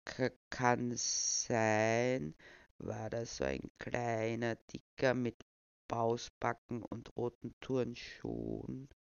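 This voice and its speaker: A man doing a croaky, trembling old man. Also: mid-range voice, dry recording, highs cut off, pitched below the performer's own voice. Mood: deadpan. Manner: slow, halting, stammering, deadpan. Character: young man faking a frail old man.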